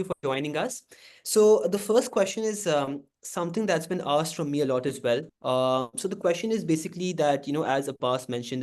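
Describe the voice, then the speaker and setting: Higher-voiced young male podcast host. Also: a little mellow. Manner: long, winding questions with Urdu words. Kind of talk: podcast interview questions.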